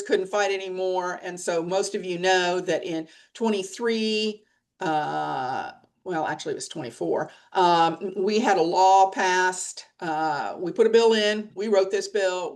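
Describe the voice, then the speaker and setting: Middle-aged woman, lowish voice, plain-spoken and emphatic, webinar video call. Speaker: press association leader. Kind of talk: webinar discussion.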